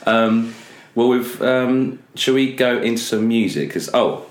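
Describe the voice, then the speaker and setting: A man's voice: medium pitch, unhurried. A man co-hosting a casual radio show, rambling and playful and often laughing. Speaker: radio co-host. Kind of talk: casual jokey banter. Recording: roomy studio echo.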